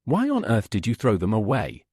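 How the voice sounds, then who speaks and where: A man voicing a calm young male team captain who talks in a dry, teasing way. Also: lowish voice, moderate pace, husky, no echo, full character voice.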